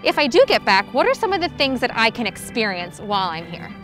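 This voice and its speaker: Upbeat young woman reporter, higher voice. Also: very animated, brisk, a bit bright, soft background music. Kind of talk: scripted narration. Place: outdoors beside a ballfield.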